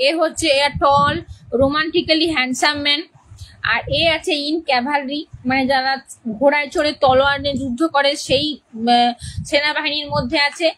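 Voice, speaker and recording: High-pitched woman, English teacher, explains a play's characters, repeats key terms, checks understanding. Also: steady tone, normal speed, a bit bright, rough recording.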